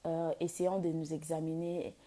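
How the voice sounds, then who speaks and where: Inviting people to a praise event, a woman worship leader delivers an informal devotional exhortation in halting French that drifts into English mid-talk. Her deep voice is husky, breathy, and mellow, with little pitch movement.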